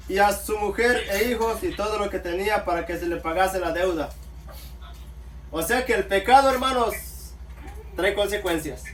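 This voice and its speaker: A man preaching a sermon, calling his listeners brothers and answering himself with amen. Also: high-pitched. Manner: addresses listeners as brothers, calls out amen often. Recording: echoey room, mic far off, faint background noise.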